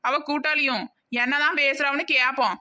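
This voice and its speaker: Woman voicing a sulky cartoon daughter-in-law, southern Tamil accent, bright high voice, mutters resentfully. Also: steady tone, moderate pace. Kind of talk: cartoon voice acting.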